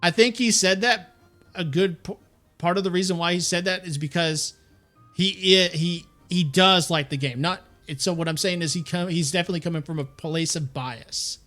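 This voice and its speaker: A male streamer giving blunt, opinionated commentary, his voice sitting a bit high. He leans hard on his words when he makes a point. It is casual stream talk. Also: moderate pace, a bit bright, soft background music. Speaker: streamer commentating on other creators.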